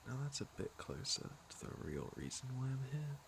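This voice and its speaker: Here the man's pitch sits in the middle, and he's very animated, talking a little fast over a noisy background. It's ASMR roleplay again: a flirtatious, teasing fantasy villain with a caring streak, speaking intimately and smoothly straight to the listener.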